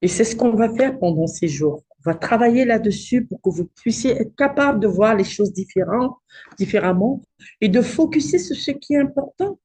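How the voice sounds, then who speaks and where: A woman leads a live online workshop, speaking directly and pressing her listeners with rhetorical questions. Her voice sits fairly high, with a mellow, slightly husky tone. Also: expressive, moderate pace. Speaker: cosmetics business coach hosting a live challenge.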